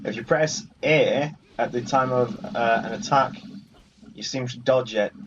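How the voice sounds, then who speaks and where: Over game music, a medium-pitched man narrates his own playthrough in an unhurried, playfully boastful way as the host. His recording is muffled and distant, with a little hiss or hum.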